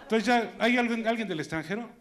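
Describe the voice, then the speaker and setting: A man's voice: sits high, fast, noisy background. A man with a Mexican accent doing stand-up comedy, chatting and joking with his audience. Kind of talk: stand-up comedy with crowd banter. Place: stage in front of an audience. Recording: live show with loud crowd and music.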